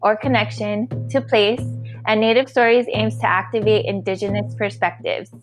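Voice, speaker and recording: A woman's voice: medium pitch, fairly even intonation, moderate pace, soft background music. A woman from Hawaii hosting a podcast, chatting in a friendly, casual way with fillers. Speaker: podcast host.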